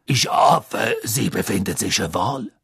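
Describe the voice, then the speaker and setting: A man voicing a towering, stately and imperious headmistress in a slow, commanding manner with a faint French accent. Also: lowish voice, creaky, a bit bright, breathy edge, exaggerated voice.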